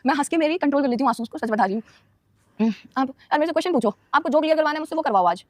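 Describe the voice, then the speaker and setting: A woman's voice: high voice, expressive, darkish tone, no room sound. A young woman on a casual live stream answering viewers' questions, emotional and defensive, talking straight to her audience. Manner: emotional, rapid, defensive, addresses viewers directly.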